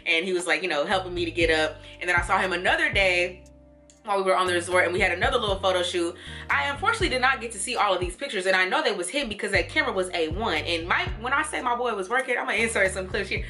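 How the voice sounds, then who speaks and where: A young woman chatting casually through a clothing try-on haul and storytime, animated and laughing as she talks. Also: medium pitch, very fast, faint music behind. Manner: chatty and animated, laughing and doing little quoted voices. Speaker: vlogger.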